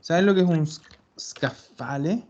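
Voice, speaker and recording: Patient male language teacher, slightly high voice. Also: measured pace, darkish tone. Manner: patient explaining, repeats and stretches example words. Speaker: Italian teacher. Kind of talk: online language class. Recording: dull lo-fi recording.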